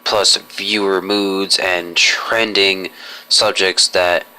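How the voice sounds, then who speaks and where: A young man rambles through a vlog update in stiff, formal, roundabout sentences, stopping and restarting often. His voice sits low and moves very little, but it has a hard, bright edge. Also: little pitch movement, drawn-out words, clean tone. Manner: formal, long-winded phrasing with many restarts. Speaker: YouTuber.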